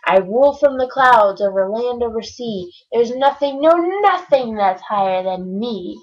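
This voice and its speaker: A woman voicing a boastful, bossy male turtle king who shouts his commands. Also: medium pitch, normal speed, dull audio, natural voice.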